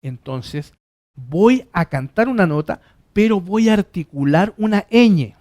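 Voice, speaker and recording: Man teaching singing, high-pitched, explaining slowly. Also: animated, a little mellow. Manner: explanatory, repeats points in several words. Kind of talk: vocal lesson with sung demonstrations.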